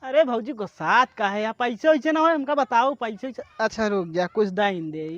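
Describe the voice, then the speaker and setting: An Awadhi-accented man with a high voice plays a goat buyer in a village comedy sketch. He calls out loudly and teases. The recording is dry and a little dull. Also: animated, moderate pace, no echo.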